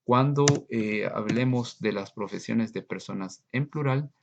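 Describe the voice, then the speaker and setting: A man teaching English grammar in a recorded lesson, slowly and patiently explaining and repeating examples. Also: fairly low pitch, vocal fry, highs cut off.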